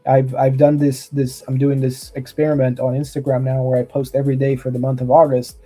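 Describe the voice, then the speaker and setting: Earnest man with a mellow, husky voice. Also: mid-range voice, completely flat delivery, fairly quick, soft background music. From Romania. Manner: earnest, motivational, restarts often. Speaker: guest trader. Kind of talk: casual chat.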